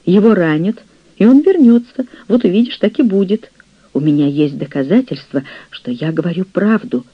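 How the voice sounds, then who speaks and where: A man reading an audiobook, voicing an older, jealous and scheming nurse, a widow, in a shrill, reproachful way. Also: expressive, moderate pace, slightly rough, no room sound, lo-fi sound. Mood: insistent.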